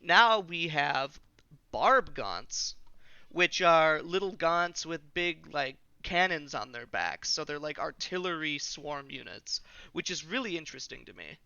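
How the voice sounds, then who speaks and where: A man's voice: fairly high pitch, very animated, unhurried, gravelly, pushed and bright, clear, resonant tone, dry recording, dull audio. A man hosting a podcast, talking casually and with enthusiasm, with frequent filler words. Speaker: podcast host. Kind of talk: casual chat.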